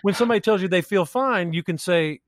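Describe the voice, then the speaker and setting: A man who works as an emergency physician, talking in a podcast interview as an animated storyteller with jokey asides. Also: sits high, fast, no room sound.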